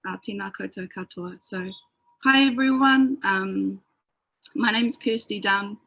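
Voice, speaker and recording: A woman with a New Zealand accent speaks in a husky, mid-range voice, unhurried and full of soft fillers. The audio is dull and lo-fi, with a very dry sound. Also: medium pitch, dry recording. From far north of New Zealand. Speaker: lecturer and writer. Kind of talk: formal self-introduction in conversation.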